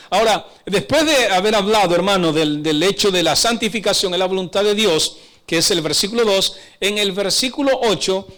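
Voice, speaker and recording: A man's voice: sits high, pushed and bright. A man preaching a sermon, emphatic and exhorting, often asking the congregation questions.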